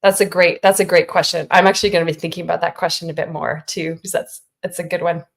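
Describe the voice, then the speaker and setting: A middle-aged woman who writes children's books appears as an interview guest, answering questions thoughtfully and encouragingly in a conversational way. Her voice is on the low side, with little pitch movement and a quick pace.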